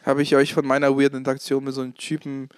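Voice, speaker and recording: A man's voice: medium pitch, monotone, very fast, smooth, dry recording, studio quality. A man co-hosting a podcast in casual banter, rambling and repeating himself. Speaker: podcast co-host.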